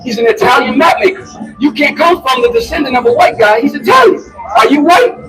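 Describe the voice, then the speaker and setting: A man's voice: very high-pitched, expressive, a little fast, recorded from a distance, rough recording. A man preaching in the street, emphatic, pressing listeners to answer him back.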